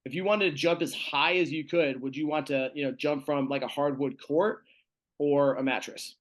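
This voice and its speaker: A man's voice: fairly high pitch, fairly even intonation, normal speed. A man as strength coach giving a virtual seminar lecture, talking casually through slides with fillers, over a video call.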